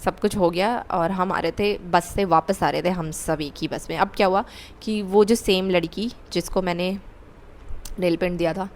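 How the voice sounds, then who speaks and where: A young woman vlogger telling a candid personal story, repeating words for emphasis. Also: lowish voice. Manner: candid, confessional, with emphatic repetition.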